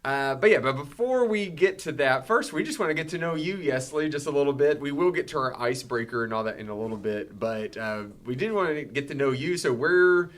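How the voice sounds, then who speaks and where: A man's voice: fairly high pitch, lively intonation, brisk, hardly any pauses, fairly bright tone. A man hosting a church podcast, talking casually and laughing often. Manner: friendly, rambling, laughs often. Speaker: podcast host.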